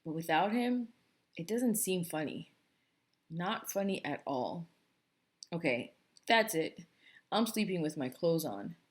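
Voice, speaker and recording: Lower-voiced woman reading a novel aloud. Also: takes it slowly, pauses often. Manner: steady, first-person storybook narration. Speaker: book club reader.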